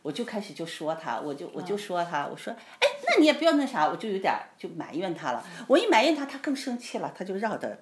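A woman pastor telling a personal faith story in a casual interview, animated and laughing often as she acts out what people said. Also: on the low side, quick pace, few pauses. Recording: roomy echo with faint noise.

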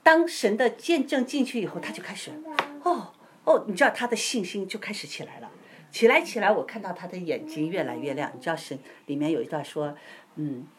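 Lively woman telling a healing testimony. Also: fairly low pitch, fairly quick, a crowd in the background. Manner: keeps asking "you know?", acts out voices. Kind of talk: animated testimony storytelling.

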